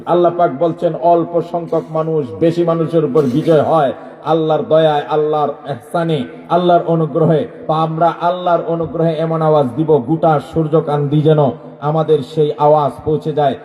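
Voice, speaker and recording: A man preaching a sermon to a large gathering, questioning the crowd and leading them in loud chants, swinging from low talk to shouting. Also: fairly even intonation, moderate pace, roomy sound, highs cut off.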